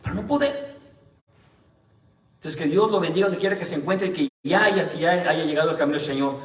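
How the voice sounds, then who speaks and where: A male pastor preaching a Sunday sermon. He keeps calling the listeners "brother" and reads the scripture slowly and deliberately. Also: a little high, animated. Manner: tells personal stories in a plain conversational way. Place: church hall. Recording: roomy church hall, mic at a distance.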